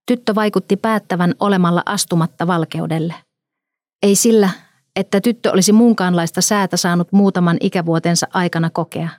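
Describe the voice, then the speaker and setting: A woman narrating a story in a calm, measured reading. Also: medium pitch, dry recording, studio quality.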